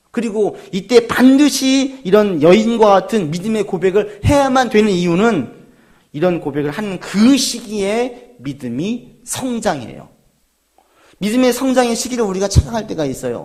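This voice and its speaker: A man's voice: high voice, darkish tone. A man preaching a sermon as pastor, earnest and full of rhetorical questions.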